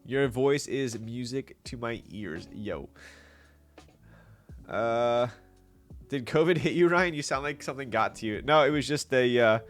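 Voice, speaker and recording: A man with a medium-pitched voice talks in an unhurried way on a casual live stream, chatting with viewers while he builds something. He sounds congested with a stuffy nose, is chatty and laughs often, and soft music plays in the background.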